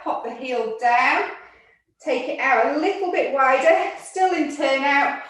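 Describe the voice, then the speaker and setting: Breathless woman leading a barre class. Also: on the high side. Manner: counts reps and cues moves, gently encouraging. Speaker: fitness instructor. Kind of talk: exercise class instruction. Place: room with barre and mats. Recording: echoey room, voice from far off.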